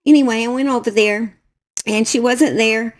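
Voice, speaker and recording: Halting Southern woman telling her story. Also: a little high, steady tone. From Southern United States. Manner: halting, repeats phrases, emotional. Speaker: true crime YouTuber. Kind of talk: personal storytelling to camera.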